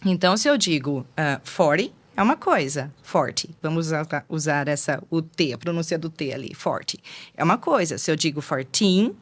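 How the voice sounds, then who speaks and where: A woman's voice: sits low, expressive, a little fast, few pauses. A Brazilian woman, a teacher guest in an interview, explaining patiently and giving examples.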